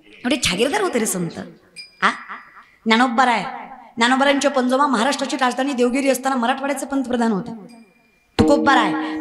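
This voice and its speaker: A woman preaches a devotional kirtan sermon in a high, ringing voice. She is emphatic and teasing and speaks straight to her listeners. Music plays clearly behind her throughout. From Maharashtra. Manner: emphatic and teasing, addresses the crowd directly. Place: live stage gathering.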